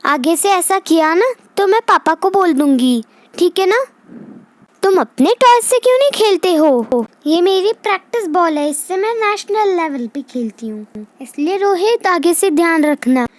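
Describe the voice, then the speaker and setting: A tiny, piping little girl chatters away in a slow, sing-song manner, fussing over her toys and scolding her brother. Her voice sits extremely high and unhurried, and the recording is close and dry, with no room around it. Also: lively intonation, dry recording. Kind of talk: toy doll play voice-over.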